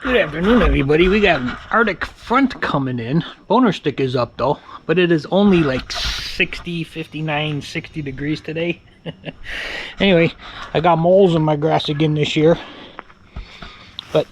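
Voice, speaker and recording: A man chats casually to his camera outside in his sunny backyard, wandering from thought to thought and circling back on himself. His voice sits a little high for a man. Faint outdoor ambience hums under him. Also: moderate pace, a little hiss or hum, rough recording. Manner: rambling, repeats himself, many fillers. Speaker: vlogger. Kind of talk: casual vlog chat.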